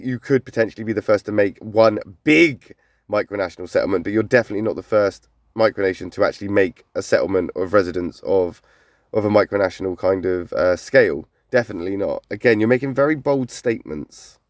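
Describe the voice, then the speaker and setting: A man's voice: fairly low pitch, fast, no room sound, clean studio sound. A man reacting to videos in casual commentary, blunt and skeptical. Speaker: micronation reviewer.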